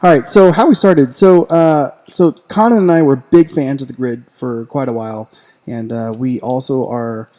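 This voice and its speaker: A man's voice: medium pitch, normal speed, mellow. A man co-hosting a casual podcast, talking enthusiastically and jokingly with lots of fillers. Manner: enthusiastic, jokey, many fillers. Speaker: podcast co-host.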